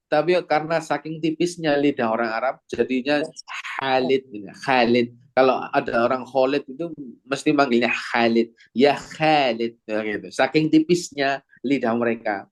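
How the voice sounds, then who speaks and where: Male recitation teacher from Indonesia, classroom lesson, quizzes students, slows right down to model each sound. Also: medium pitch. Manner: demonstrates sounds slowly, drawn-out recited examples; asks the class questions. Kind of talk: classroom lesson with audience replies.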